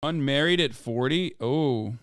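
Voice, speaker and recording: A man's voice: mid-range voice, a little slow, clear, resonant tone, dry recording, clean studio sound. A man in his thirties streaming and reacting to a video, swearing and mocking in disbelief. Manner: profane, incredulous and mocking. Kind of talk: casual live-stream commentary.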